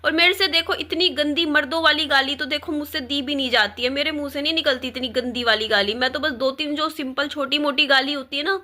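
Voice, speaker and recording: A woman's voice: high-pitched, fairly quick, hardly any pauses, pushed and bright. A young woman vlogger talking straight to her viewers, upset and defiant, pleading and repeating herself as she complains about being insulted. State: distressed. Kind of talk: emotional direct-to-camera rant.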